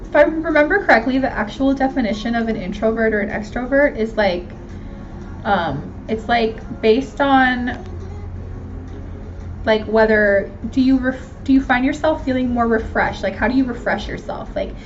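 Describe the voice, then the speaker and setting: Hosting a Q&A vlog, a 29-year-old woman from Miami, Florida answers viewer questions with an American accent, a fairly high pitch, and a moderate pace. She chats casually and candidly in slang, often at her own expense, over dull lo-fi audio with background noise.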